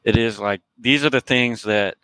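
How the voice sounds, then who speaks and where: A man's voice: mid-range voice, normal speed, bright, forceful tone, clean tone, rough recording. A man co-hosting a casual podcast chat, rambling and joking with lots of fillers. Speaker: crypto podcast co-host.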